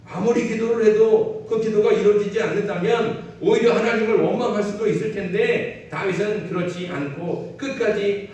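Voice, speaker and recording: A male pastor with a fairly high voice, preaching an earnest sermon that presses each point with repetition. He sounds set back from the mic, with strong church-hall echo and faint room noise behind him. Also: darkish tone, distant mic. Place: church sanctuary.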